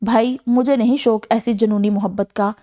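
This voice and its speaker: A man's voice: high voice, fairly even intonation, mellow, lightly acted. A woman voicing a timid young man from a novel, nervous and worried. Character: timid fearful young man, college student.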